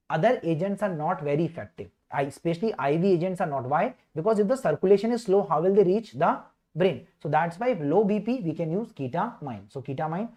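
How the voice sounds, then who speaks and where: A man's voice: a little high, mellow. A man with a North Indian accent teaching an exam revision class, repeating key words like a chant and prompting students with questions. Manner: mixes Hindi phrases into English. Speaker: medical teacher leading a revision session.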